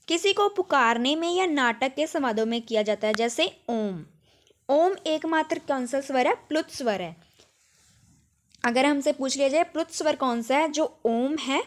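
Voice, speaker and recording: A woman with a Punjabi accent teaching an exam-prep grammar lesson, asking questions and answering them herself, and sounding out vowels slowly. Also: high-pitched.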